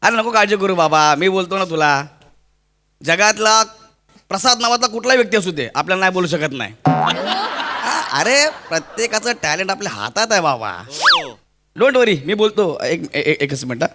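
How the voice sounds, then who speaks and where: An actor playing a boastful, teasing young master of the house in a stage comedy sketch, joking all the time. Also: male voice, sits high, sing-song, moderate pace, noisy background. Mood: breezy. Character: blustering young master of the house, brags about his language. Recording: stage show with loud music behind.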